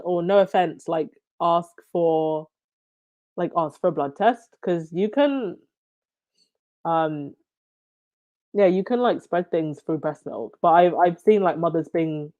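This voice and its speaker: A woman's voice: fairly low pitch, dark tone, muffled recording. A woman from Zambia with a stuffy, runny nose, hosting a casual livestream chat and reacting to viewer comments. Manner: chatty, reacts with quick laughs and "wow".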